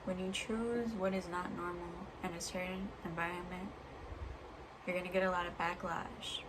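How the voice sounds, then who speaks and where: A woman speaking as a vlogger in a reflective personal monologue, earnest and halting, pausing between short phrases. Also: on the low side, level tone. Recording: clear background noise.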